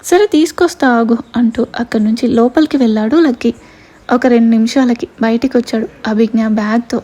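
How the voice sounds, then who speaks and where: A woman narrating a scripted audio story in a steady, expressive storytelling way. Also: on the high side, a little fast.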